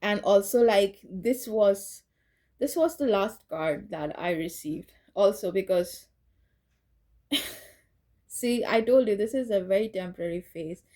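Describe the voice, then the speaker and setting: A woman's voice: mid-range voice, expressive, unhurried, mellow. A woman giving a casual tarot reading, rambling and correcting herself as she goes, and laughing at her own slips. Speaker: tarot reader.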